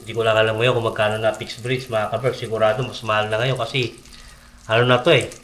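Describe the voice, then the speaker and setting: A man's voice: fairly low pitch, little pitch movement, quick pace, fairly bright tone, slight background noise. A Filipino man chatting casually to vlog viewers in an informal way, with a slight lisp from missing front teeth. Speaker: vlogger. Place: home kitchen while cooking.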